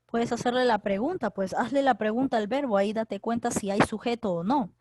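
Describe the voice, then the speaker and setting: A woman's voice: on the high side, fairly quick, noisy background. A middle-aged woman, teaching an online grammar class and explaining step by step with frequent tag questions. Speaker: secondary school teacher. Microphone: computer mic in a video class.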